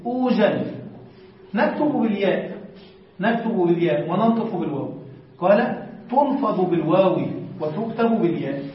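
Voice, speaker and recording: A man teaching a classroom lecture, asking his students questions and answering them himself while repeating word forms. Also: high voice. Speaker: sheikh teaching Arabic morphology. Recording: very echoey, distant, dull lo-fi.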